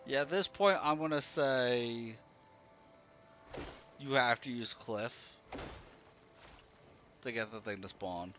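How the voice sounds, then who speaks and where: A man's voice: medium pitch, very animated, measured pace, pauses often, bright, forceful tone. A man streaming a game, giving casual live commentary as he thinks aloud and grumbles. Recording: clear background noise.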